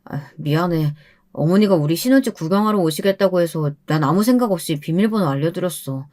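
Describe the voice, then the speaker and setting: A woman's voice: on the low side, a little fast, a little mellow, lightly acted. A woman voicing a sheepish young husband who speaks in a hesitant, apologetic way in a story reading.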